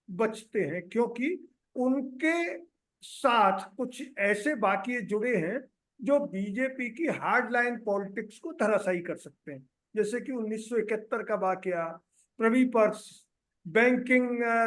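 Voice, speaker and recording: A man's voice: high voice, unhurried, fairly bright tone. A man hosting a panel discussion who frames long questions for his guests. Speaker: discussion host.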